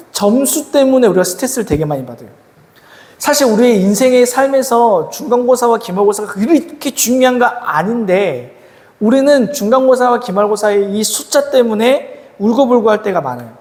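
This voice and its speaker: A man preaching to teenagers as a youth pastor, often asking the audience questions. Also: high-pitched. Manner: lively, asks the audience questions and acts out quoted voices. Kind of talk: sermon to teenagers. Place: church hall. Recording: echoey hall with long reverb.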